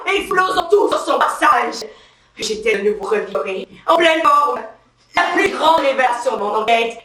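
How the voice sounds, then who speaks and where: A woman's voice: sits high, a bit bright. A woman performing a theatrical, emphatic satirical monologue as a comic journalist character on a live stage. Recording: roomy live stage sound from a distance.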